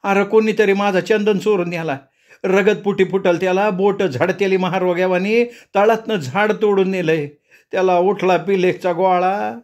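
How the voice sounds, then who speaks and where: Man voicing a middle-aged village mother, storybook figure, shrill, cursing, bossy, raised pitch. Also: a little fast, darkish tone, highs cut off, lightly acted. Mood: angry scolding.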